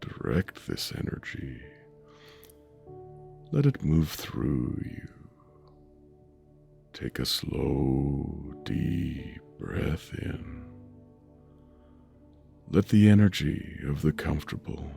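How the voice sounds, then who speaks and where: Male meditation narrator, bottomless gravelly rumble, unhurried soothing delivery with long pauses, music underneath. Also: lively intonation. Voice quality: deep rumbling voice. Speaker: meditation guide. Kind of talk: guided sleep meditation narration. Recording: soft music bed under voice. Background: soft music.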